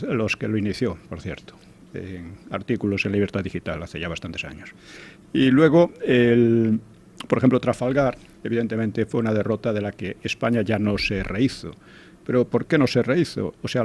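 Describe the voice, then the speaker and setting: A man's voice: on the low side, lively intonation, normal speed, darkish tone, a little hiss or hum. An older man giving conversational commentary as a regular guest, hesitant, with frequent restarts and tag questions.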